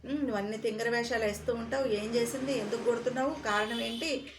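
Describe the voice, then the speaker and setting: A woman's voice: fairly high pitch, steady tone, quick pace, noisy background, natural voice. Woman doing scolding village neighbors. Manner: scolding, demanding.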